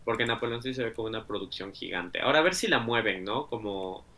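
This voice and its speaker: Bright-voiced Mexican man chatting. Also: on the low side, lively intonation. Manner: chatty, hedging with fillers, quick to laugh. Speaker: podcast co-host. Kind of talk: casual film chat.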